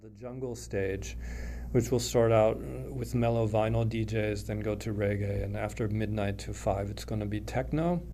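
Festival organizer guy, low mellow voice, chatting easy in an interview. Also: steady tone, moderate pace, a little hiss or hum. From USA. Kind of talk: interview answers.

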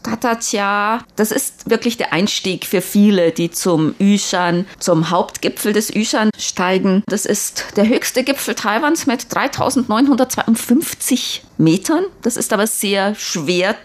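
Female radio host, curious and chatty, middle-pitched voice, relaxed studio conversation. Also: measured pace, few pauses. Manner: inquisitive, chatty, laughs easily. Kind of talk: casual radio chat.

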